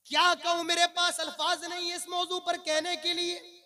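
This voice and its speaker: A man in his late twenties giving an impassioned religious speech as a preacher, declaiming fervently and swelling loud on his exhortations. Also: very high-pitched, completely flat delivery, moderate pace. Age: 20s. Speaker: Islamic preacher.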